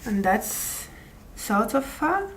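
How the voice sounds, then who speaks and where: A woman's voice: fairly high pitch, very animated, extremely slow, fairly bright tone, breathy edge, poor audio. A woman doing a casual, chatty ASMR unboxing and product review, thinking aloud as she tests the gear. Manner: rambling, thinking aloud while testing gear. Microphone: close wireless lavalier microphone being tested.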